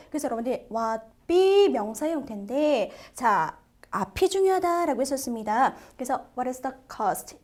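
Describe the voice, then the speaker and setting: Lively high-voiced Korean English teacher. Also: female voice. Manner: lively, constantly addresses students with questions. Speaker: TOEIC listening instructor. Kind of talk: video lecture.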